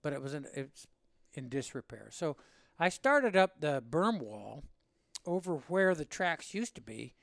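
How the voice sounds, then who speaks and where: Gravelly older veteran spinning a yarn. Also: male voice, on the high side, unhurried, dry recording, clean studio sound. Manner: rambling and animated, with laughs and acted-out quotes. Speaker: veteran interviewee. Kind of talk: oral-history storytelling.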